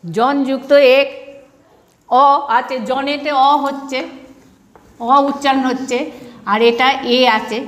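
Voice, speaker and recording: Bangladeshi teacher lady, high voice, asks then answers herself, echoey room. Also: slow pace, long pauses. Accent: Bangladeshi Bengali. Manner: asks questions and answers them herself, repeating each rule. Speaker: primary school teacher. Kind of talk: online grammar lesson.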